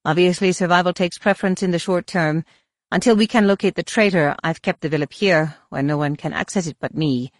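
Woman reading an alien woman commander, flat monotone, dry close sound, storybook. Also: lowish voice, fairly quick, no room sound, lightly acted. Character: flat-voiced female alien base commander.

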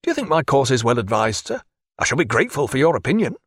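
A narrator voices a fretful middle-aged Boston merchant and former loyalist, husky and high-pitched, his voice leaping up and down as he pleads and grumbles by turns. He sounds anxious, fussy and easily worked up, speaking fast. The recording is close and dry, with no room sound.

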